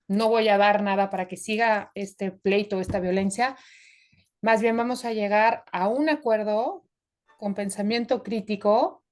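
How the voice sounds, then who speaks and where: A woman student speaking in an online class over a video call. She restates what she understood in her own words, thinking aloud and settling the point calmly. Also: medium pitch.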